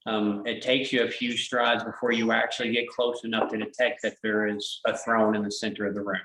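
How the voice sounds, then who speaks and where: Low-voiced man narrating as game master. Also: little pitch movement, a little fast, pushed and bright, roomy sound, slight background noise, poor audio. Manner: hesitant, filler-heavy descriptive narration.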